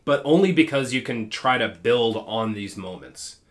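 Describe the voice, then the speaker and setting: A man with a mid-pitched voice talks in a casual podcast chat. He is enthusiastic and leans on fillers as he goes. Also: animated, moderate pace.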